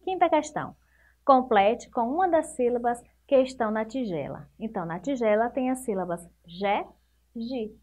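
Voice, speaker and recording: A woman's voice: on the high side, animated, moderate pace, a little mellow. A Brazilian woman teaching a recorded lesson to young children, patient and encouraging, stretching out each example word. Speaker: primary school teacher.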